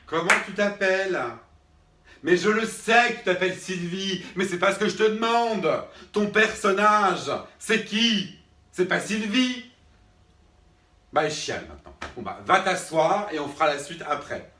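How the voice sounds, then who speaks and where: A man's voice: on the high side, very animated, brisk, fairly bright tone. A man playing an irritated drama teacher who talks to unseen students, patient at first and then fed up, always asking if they agree. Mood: exasperated. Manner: patient then irritated, keeps checking with "d'accord?". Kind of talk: comic one-man sketch. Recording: roomy sound, mic far off.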